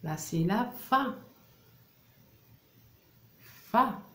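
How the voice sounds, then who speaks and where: A woman teacher, slowly drilling French syllables for young children and repeating each one. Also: medium pitch, expressive, a bit bright. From Algeria. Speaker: primary school French teacher. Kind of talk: reading lesson for young children. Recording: roomy echo.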